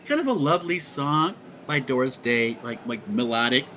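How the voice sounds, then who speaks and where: A man's voice: medium pitch, animated, moderate pace, pushed and bright, slight background noise, low-quality recording. A man hosting a radio show, chatting casually and introducing songs, rambling with lots of fillers and swearing, and he has the hiccups.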